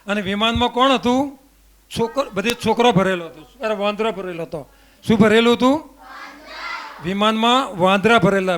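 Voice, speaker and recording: A high-pitched man with a Gujarati accent teaches a group of children. He leads a memory exercise, asking questions and repeating them to coax the class along. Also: a bit bright. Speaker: camp teacher. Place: indoor camp hall with children.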